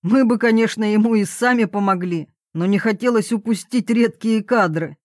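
A woman reading an audiobook, voicing an excited young male TV presenter who shouts loudly. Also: high voice, moderate pace, no room sound, clean studio sound, natural voice. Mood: shouting. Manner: loud, shouting.

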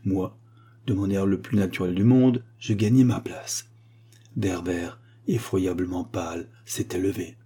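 With a low, husky voice, a man delivers audiobook narration of a literary tale, keeping his storytelling measured and expressive.

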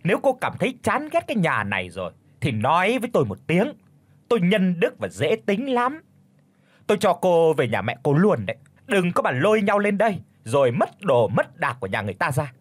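A man doing a shrill, spiteful old mother-in-law. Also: sing-song, husky, exaggerated voice. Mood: scolding. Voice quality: shrill, sharp-tongued. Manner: scolding, fast accusing questions. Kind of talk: audiobook character voice.

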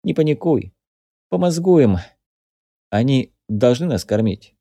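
A man's voice: medium pitch, expressive, takes it slowly, creaky, warm tone, no room sound, heavily acted. A man doing a curt, wry ex-Cossack officer. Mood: reassuring. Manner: curt, dryly joking. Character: tough, wry former Cossack officer in his forties.

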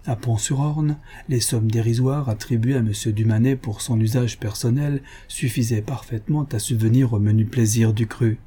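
Mellow, husky male audiobook narrator. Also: medium pitch, fairly even intonation, normal speed, hardly any pauses. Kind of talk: audiobook reading of a classic novel.

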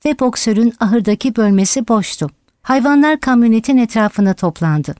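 A woman narrating an audiobook in a steady, dramatic reading style. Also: a little high, moderate pace, no room sound, studio quality. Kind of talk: scripted narration.

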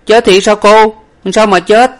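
A man voicing a clumsy, panicky young male servant in a storybook, with a loud, flustered manner. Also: on the high side, fast talker, voice pushed up, lightly acted. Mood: alarmed.

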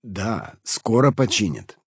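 A man voicing a calm, composed middle-aged host who speaks in a measured way in an audiobook. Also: fairly low pitch, breathy edge, dry recording, studio quality, heavily acted. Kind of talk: audiobook character voice.

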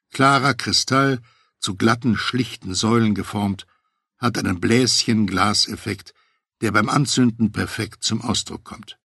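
A man narrating a memoir audiobook in a steady, matter-of-fact first-person voice on a close mic. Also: on the low side, slightly rough, no room sound.

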